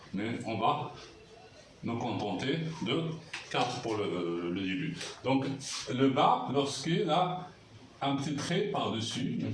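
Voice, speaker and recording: A man teaching a language lesson at a board, patiently repeating sounds and checking that everyone follows. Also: fairly low pitch. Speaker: Arabic teacher. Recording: roomy echo, mic far off, faint noise.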